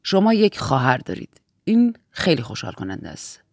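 A woman voicing a stern, controlled older woman in authority in an audiobook, speaking in a measured, commanding way. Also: low-pitched, very animated, no echo, clean studio sound, pitched below the performer's own voice, heavily acted. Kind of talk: audiobook character voice.

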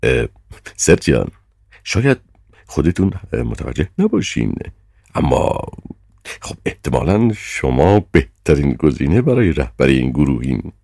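A man's voice: extremely low pitch, sing-song, creaky, warm tone, dry recording, full character voice. A man reading an audiobook, voicing a thin, austere man who speaks in a cool, mocking, disdainful tone. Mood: sardonic.

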